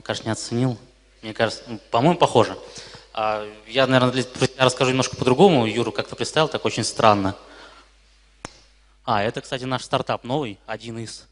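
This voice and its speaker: A man in his twenties with a lisp and slushy s sounds gives an informal, blunt, slangy talk to an audience. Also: mid-range voice. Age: 20s. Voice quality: lisp with slushy sibilants from braces. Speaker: speaker at a startup investment talk. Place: hall with live audience. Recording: echoey hall with long reverb.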